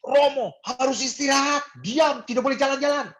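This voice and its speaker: A man voicing a stern, strict hospital doctor who scolds his patient in a high, loud voice. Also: moderate pace. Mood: scolding.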